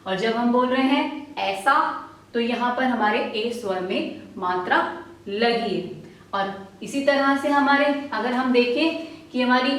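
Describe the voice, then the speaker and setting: Woman schoolteacher, slightly high voice, slow and patient, sounds far off in an echoey room. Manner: patient, repeats questions and answers them herself. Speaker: primary school teacher. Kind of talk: slow, syllable-by-syllable reading lesson for children. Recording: roomy echo, voice from a distance.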